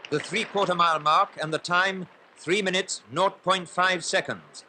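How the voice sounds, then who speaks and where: A man giving old newsreel commentary on a race, formal and brisk, with play-by-play that builds in excitement. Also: high voice, slight background noise.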